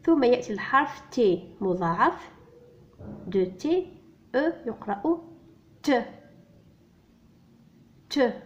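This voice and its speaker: A woman's voice: fairly high pitch, big pitch swings, slow pace, long pauses, slight background noise. Woman, beginner reading teacher, spells letters then repeats words, muffled lo-fi sound. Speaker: French teacher. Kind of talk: slow spelled-out reading lesson. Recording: dull lo-fi recording.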